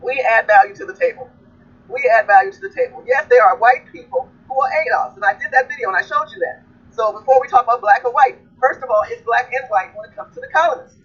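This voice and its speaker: A woman hosting a live stream delivers her commentary like a sermon, repeating points for emphasis. Her voice is husky and rather high for the room she fills. The audio is dull and lo-fi. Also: animated, quick pace. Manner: emphatic, repetitive, lecturing. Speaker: livestream host. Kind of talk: preaching-style commentary.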